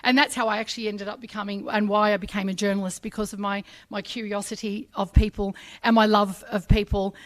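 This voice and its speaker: A middle-aged Australian woman who was raised speaking Arabic gives a chatty, emotional personal speech at a public ceremony, acting out voices in her stories. Her mid-range voice is level in tone, a little fast, with hardly any pauses.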